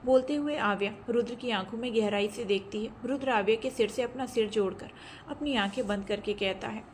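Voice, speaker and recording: A woman storyteller giving steady, scripted narration of a romance audio story. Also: fairly high pitch, a little fast, a little hiss or hum.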